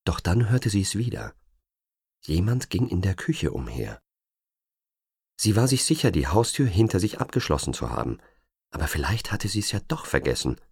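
A man reading an audiobook thriller with expressive, suspenseful narration. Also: sits low, normal speed, vocal fry, husky, no echo, studio quality. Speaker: audiobook reader.

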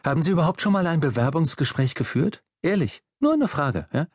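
A man's voice: a little high, lively intonation, fairly quick, darkish tone, husky, no room sound, clean studio sound, voice pushed up. A man reading an audiobook, voicing a desperate middle-aged man who pleads and then hurls insults in a raised voice. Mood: defiant.

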